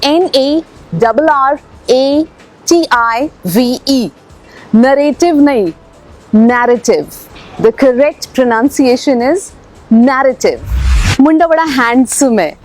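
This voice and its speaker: A woman gives a scripted pronunciation lesson. She speaks high and unhurried, spelling each word out before saying it carefully. Faint music plays under her voice. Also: lively intonation, a little mellow. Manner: spells words letter by letter, then says them slowly. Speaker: English pronunciation teacher.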